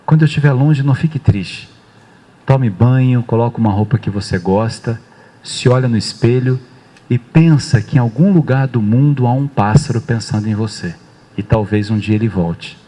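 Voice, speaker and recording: A man voicing a tender, free-spirited enchanted bird in a spoken story, speaking slowly and gently. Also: medium pitch, close to an everyday voice, poor audio. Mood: gentle.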